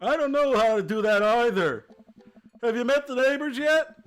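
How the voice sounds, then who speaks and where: A man voicing a sarcastic teenage girl in her last year of high school, teasing her dad with deadpan quips in a game playthrough. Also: moderate pace, faint music behind. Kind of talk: playthrough voice acting.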